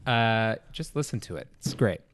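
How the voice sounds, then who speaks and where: A man's voice: fairly low pitch, expressive, normal speed, a little hiss or hum. A man co-hosting a podcast, chatting casually and rambling, swearing often and filling his talk with "like" and "you know". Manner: rambling, profane, lots of fillers and restarts. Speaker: podcast co-host. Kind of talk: casual chat.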